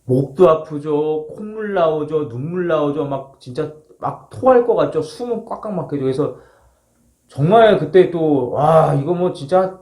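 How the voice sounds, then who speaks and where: A man's voice: a little high, normal speed. A man casually telling a first-person story as a former marine, acting out moments with polite formal sentence endings. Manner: animated, acts out shouts, polite formal endings. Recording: roomy, echoing sound.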